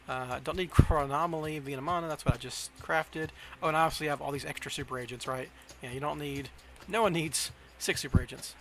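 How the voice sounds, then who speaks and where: In a Southern accent, a man from the southern US chats casually on his card game livestream, musing aloud and questioning his own plays. He speaks at normal speed in a somewhat high, slightly bright voice, with a little hiss or hum on the recording.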